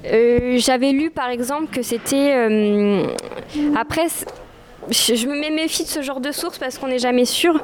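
A woman's voice: high-pitched, moderate pace, background noise. A woman giving an informal history lecture, often hesitating and restarting her sentences. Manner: hesitant, many restarts and fillers. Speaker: speaker giving a history talk.

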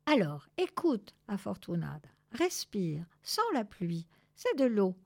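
A woman voicing a kind, wise tomcat in a storybook reading, talking in a gentle, coaxing way. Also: mid-range voice, very animated, slow pace, creaky, exaggerated voice.

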